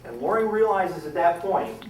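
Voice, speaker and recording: Giving a talk to a live audience, a historical storyteller acts out characters' lines dramatically, his pitch and volume rising on quoted speech. His very animated, darkish voice moves at normal speed. The recording is in an echoey room with a distant mic, faint ambience, and slight background noise.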